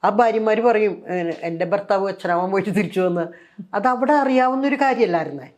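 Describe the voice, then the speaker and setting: A woman's voice: mid-range voice, a little fast. An older woman from Kerala with a Malayalam accent, telling her story in an interview and acting out what others said. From Kerala, India. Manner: animated, acts out quoted voices, frequent fillers. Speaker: interviewee, former nun. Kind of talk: conversational storytelling.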